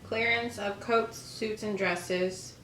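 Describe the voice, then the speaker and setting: Chatting and reading from an old newspaper, a lifestyle video host speaks slowly in a medium-pitched, fairly bright voice with fairly even intonation. A little hiss or hum, a roomy echo, and faint underlying music mark the recording.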